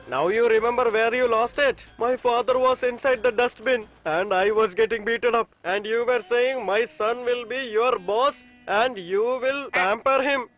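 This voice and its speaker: A man dubbing an excitable young boss in a movie, given to dramatic, repetitive outbursts. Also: very high voice. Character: bossy excitable young man fussing over his money. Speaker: hotel owner boss. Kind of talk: English movie dub. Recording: dubbed voice over faint music.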